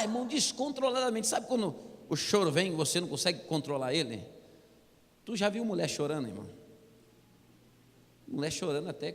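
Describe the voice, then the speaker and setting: A Brazilian man tells his conversion story from the pulpit in a high, bright, forceful voice. His storytelling is lively and comic, and he keeps leaning in to the crowd with "brother." The sound rings with the long reverb of a church hall. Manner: animated storytelling, keeps calling listeners "brother". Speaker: testimony speaker. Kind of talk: humorous church testimony.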